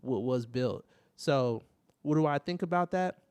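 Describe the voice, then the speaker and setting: A man co-hosting a podcast, talking things through in a measured way with pauses and self-corrections. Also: mid-range voice, a little mellow, clear, resonant tone. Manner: measured, thinks aloud with fillers and restarts. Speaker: podcast co-host. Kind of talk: casual podcast discussion.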